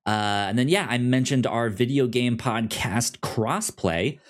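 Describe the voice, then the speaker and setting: Speaking unhurriedly at a medium pitch, a podcast host makes housekeeping announcements amid casual, informal chat, keeping things conversational.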